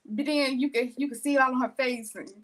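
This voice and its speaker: A woman's voice: high voice, fairly even intonation, fast talker. A woman in her thirties, co-hosting a podcast in casual chat, rambling through family stories and laughing as she talks. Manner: warm-hearted, rambling, laughs while talking. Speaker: podcast co-host.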